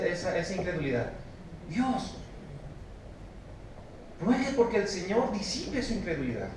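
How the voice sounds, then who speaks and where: A Mexican pastor delivers a sermon, rising to forceful calls and dropping to low, hushed emphasis as he puts questions to his listeners. His fairly high voice carries in a very echoey church. He is picked up from a distance, with a faint room hum behind him. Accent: Mexican Spanish. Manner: emphatic preaching, swinging from loud exhortation to low, hushed stress; asks the congregation questions. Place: church sanctuary.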